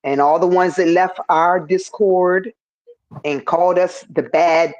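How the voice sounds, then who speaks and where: A woman's voice: fairly low pitch, fairly even intonation, unhurried, a little mellow, rough recording. A woman hosting a livestream podcast, blunt, profane and mocking in her talk. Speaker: livestream host. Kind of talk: heated livestream discussion.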